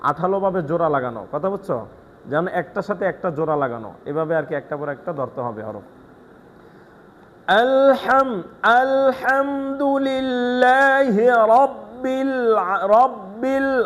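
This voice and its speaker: Guy teaching quran recitation, patient, talks fast then recites slow, kinda high voice. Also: slight background noise. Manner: patient, explains quickly then recites slowly. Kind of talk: one-on-one tajweed lesson.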